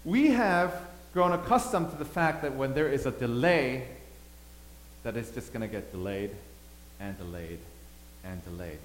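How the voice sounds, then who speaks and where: Pastor, male, preaches a sermon with loud peaks and hushed lines, reverberant sanctuary. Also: mid-range voice, lively intonation, measured pace. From Thailand. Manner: dynamic, swings between loud emphasis and quiet asides. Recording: echoey hall, faint hum.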